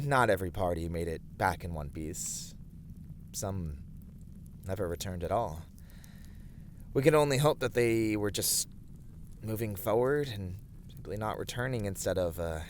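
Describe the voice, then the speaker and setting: In an ASMR roleplay, a man plays an earnest, courteous fantasy adventurer, his low voice delivering formal, thoughtful, slightly hesitant phrases in a somber mood. Slight background noise is present.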